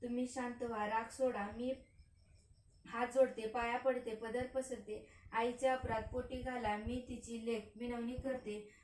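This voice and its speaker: Humble young princess, voiced by a woman, soft pleading, flat tone, echoey room, distant mic. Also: fairly high pitch, a little slow, a little hiss or hum, natural voice.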